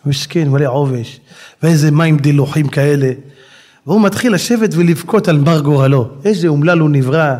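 Animated high-voiced male preacher. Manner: animated, rhetorical questions, addresses listeners. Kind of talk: sermon with storytelling.

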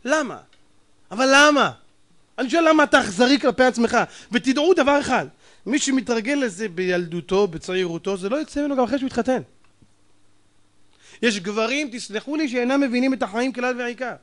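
Rhetorical questions fly as a man, preaching as a rabbi, takes an emphatic and derisive tone. His delivery veers between shouted bursts and hushed, mumbled asides.

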